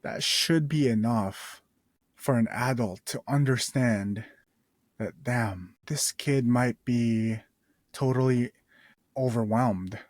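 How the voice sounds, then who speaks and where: The casual podcast's host, a young man in his twenties, takes his time with a personal story, meandering, restarting his sentences, and slipping in easygoing slang. He has a mid-range voice, and the room is dry with little reverb.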